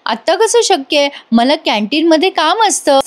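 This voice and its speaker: Woman voicing young college girl, earnest, begging kinda, high voice. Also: big pitch swings, moderate pace. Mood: pleading. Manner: pleading, earnest. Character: earnest young woman student and canteen worker.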